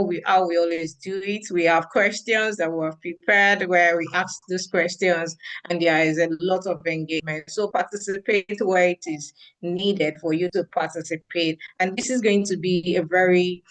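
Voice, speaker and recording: Chatty Nigerian woman with a lowish voice. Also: rough recording. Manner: effusive, chatty, repeats phrases. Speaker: head of programs hosting an online roundtable. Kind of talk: informal online event hosting. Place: online video or conference call.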